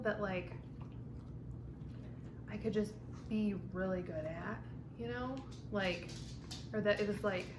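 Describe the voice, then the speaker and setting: A woman vlogger rambling casually and informally to camera over lunch, with frequent filler words and mild swearing. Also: medium pitch. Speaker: vlog host. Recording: echoey room with clear background noise.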